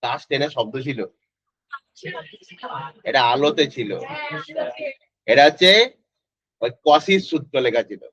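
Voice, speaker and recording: A man's voice: medium pitch, expressive, a little slow, long pauses, fairly bright tone. A male physics tutor, teaching an online class in a casual way and quizzing students by name. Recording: dry, slightly dull lo-fi audio.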